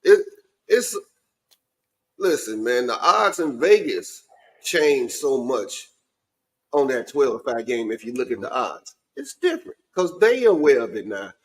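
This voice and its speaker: Very animated but speaking at a measured pace, a man with a mid-range voice hosts a podcast. It's informal sports talk among friends, full of colloquial chatter.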